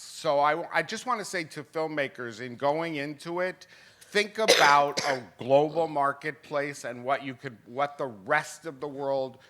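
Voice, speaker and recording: A man in his fifties, a film distributor speaking on a festival panel, animated, laughing often and restarting sentences. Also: medium pitch. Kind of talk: panel discussion. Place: festival symposium panel stage.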